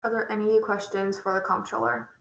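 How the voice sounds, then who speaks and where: A young woman runs a meeting in a brisk, procedural way, calling on each speaker in a flat, even tone. The audio is roomy and dull, like a call recorded over a laptop. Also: medium pitch. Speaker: meeting chair.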